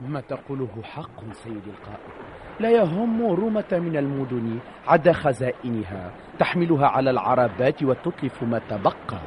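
A man acting a pensive ancient army officer in an old radio show. His voice is mid-pitched, solemn and formal, over faint hiss. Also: sing-song, moderate pace, darkish tone, close to an everyday voice. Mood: thoughtful. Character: brooding, deferential male officer, thoughtful companion to commander.

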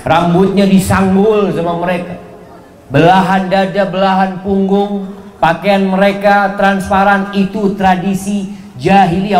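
A man preaching a sermon in an animated way, swinging his pitch and volume for emphasis. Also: reverberant, a little hiss or hum.

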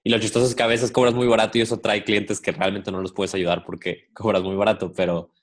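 A man's voice: on the low side, level tone, fast talker. A man hosting a podcast, chatting casually and asking friendly follow-up questions. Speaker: podcast host. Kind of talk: casual conversation.

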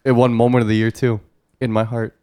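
Jokey, excitable male podcast host. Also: mid-range voice, a little fast, clear, resonant tone. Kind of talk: casual chat.

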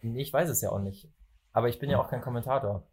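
A young man from Germany hosting a casual football chat, opinionated and animated when he makes a point. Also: medium pitch, fast, husky. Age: young adult. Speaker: podcast host.

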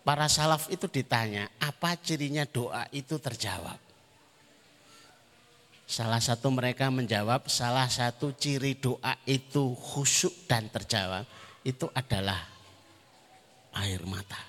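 A man with a Javanese accent giving a sermon, swinging between loud emphatic preaching and soft humorous asides. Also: mid-range voice, unhurried, pauses often. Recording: long hall reverb.

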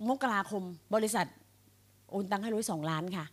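An energetic middle-aged woman speaks to a live room of sales agents in a rallying pep-talk style. She keeps throwing questions at the crowd and drives her points home with conviction. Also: mid-range voice, a little fast, noisy background. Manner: energetic, rallying, addresses audience directly with questions. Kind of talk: motivational speech to a live audience.

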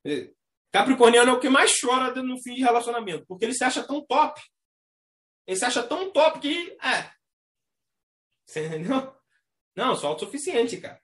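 A man with a Brazilian Portuguese accent hosting a casual astrology chat, talking in a slangy, animated way and mimicking the people he describes. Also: very high-pitched, fairly quick, pauses often. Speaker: astrology talk host. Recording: echoey room.

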